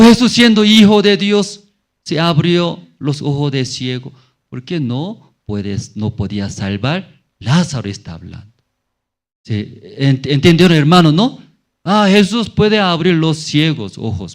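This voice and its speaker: Slow, lively-voiced man preaching. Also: medium pitch. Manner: asks the congregation many questions, slow and lively. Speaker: pastor. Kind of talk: Sunday sermon with call-and-response. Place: church.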